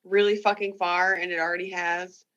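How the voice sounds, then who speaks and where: A woman's voice: on the low side, flat delivery, a little fast, a bit bright, dull audio, a little hiss or hum. A woman co-hosting a podcast, chatting casually with frequent laughs and swearing. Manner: giggly, profane chatter. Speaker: podcast co-host. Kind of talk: casual chat.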